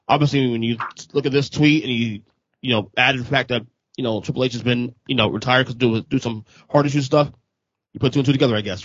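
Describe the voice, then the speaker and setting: A man's voice: mid-range voice, a bit bright, no echo. Casual wrestling-podcast host, man. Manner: loose, profane, joking with co-hosts. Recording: dull lo-fi podcast audio.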